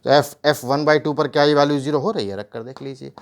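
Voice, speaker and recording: A man with a higher-than-average, clear and resonant voice teaches a whiteboard math lesson at a brisk pace and with fairly even intonation. He explains the steps, poses rhetorical questions, and drops in English math terms.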